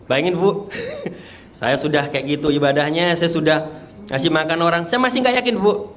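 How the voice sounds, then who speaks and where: A man in his thirties giving an earnest, animated religious testimony to an audience. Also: a little high, normal speed, a little hiss or hum. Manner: earnest, animated storytelling with rising excitement. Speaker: guest giving a personal testimony.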